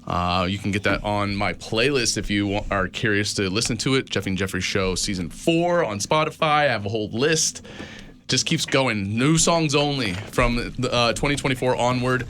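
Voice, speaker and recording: A man's voice: on the low side, moderate pace, fairly bright tone, a little hiss or hum. A man hosting a casual talk show, with upbeat, announcer-style patter full of fillers. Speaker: host.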